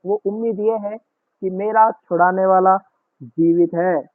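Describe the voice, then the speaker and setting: A man preaching a sermon as pastor, earnest and repetitive, leaning slowly on key words. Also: high voice, fairly even intonation, no echo. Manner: earnest, repetitive preaching with slow emphatic stresses. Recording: tinny phone-like dry recording.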